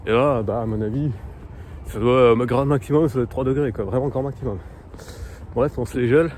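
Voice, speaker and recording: A man talking casually to the camera while walking outdoors in a park, hesitant and full of fillers, slowly sounding out foreign words. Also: medium pitch, darkish tone, a little hiss or hum. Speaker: vlogger learning Polish. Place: outdoor park in cold weather.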